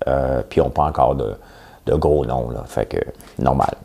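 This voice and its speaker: A man's voice: a bass voice, normal speed, creaky, dark tone. A man with a Québécois French accent, hosting a show and delivering a chatty, sarcastic opinion monologue. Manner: chatty, sarcastic, mimics voices. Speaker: podcast host.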